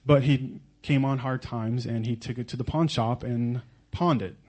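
A man from Oklahoma preaching a sermon in short, earnest phrases, pausing so an interpreter can follow. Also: medium pitch, steady tone, darkish tone. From Oklahoma, United States. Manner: earnest, pausing after each phrase, occasional stumbles.

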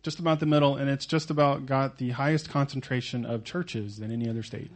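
Male preacher, earnest sermon delivery, mid-pitched voice, pauses between phrases. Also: fairly even intonation. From Oklahoma, United States. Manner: earnest, pausing after each phrase, occasional stumbles.

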